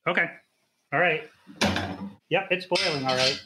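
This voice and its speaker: A man's voice: on the high side, unhurried, heavy background noise. A man hosting a show, cooking along and asking a chef questions in casual chat. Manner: curious, playful. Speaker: podcast host.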